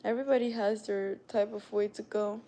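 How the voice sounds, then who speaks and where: Fairly quick and mellow, her medium-pitched voice stays fairly even in intonation. The young host, who has a non-native English accent, chats casually with livestream viewers and greets them by name.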